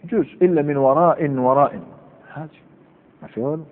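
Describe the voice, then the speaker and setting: A man's voice: on the high side, quick pace. A male grammar teacher with an Algerian accent lectures a class, drilling the same examples again and again and firing questions at his students. The recording is thin and phone-like, and his voice rings out in a long hall echo. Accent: Algerian Arabic. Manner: repeats examples and quizzes students. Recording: tinny lo-fi with long hall reverb.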